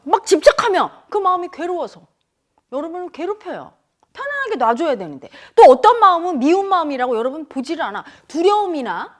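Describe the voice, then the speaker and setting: A middle-aged woman giving a spiritual talk on the mind, speaking straight to her listeners and acting out inner voices. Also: very high-pitched. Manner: animated, addresses listeners directly, acts out inner voices. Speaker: meditation teacher.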